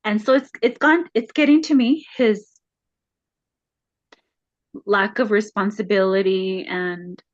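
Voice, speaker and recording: A woman as a counseling client, retelling a home conflict haltingly with many fillers, her voice rising when upset. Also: mid-range voice, no room sound, muffled recording. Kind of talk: emotional retelling in a counseling session.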